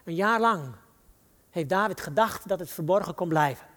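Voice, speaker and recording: A higher-voiced man with a Dutch accent delivers a sermon. He slows down for scripture and lets the quotes climb dramatically. The church hall adds a long reverb to every phrase. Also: animated, fairly bright tone. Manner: reads scripture quotes with slow dramatic rises. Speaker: preacher.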